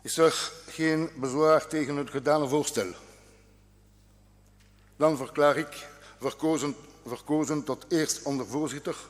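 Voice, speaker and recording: A man's voice: fairly high pitch, steady tone, slow pace. A man chairing a formal parliamentary session, announcing votes with occasional hesitations. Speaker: presiding officer of a parliamentary session. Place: large parliamentary chamber. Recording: long hall reverb.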